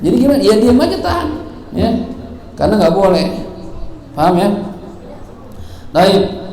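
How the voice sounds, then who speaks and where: Male religious teacher, high voice, playful sermon style, recorded in an echoey prayer hall with faint room noise. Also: very animated, unhurried, dark tone. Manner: playful, acts out examples, laughs often.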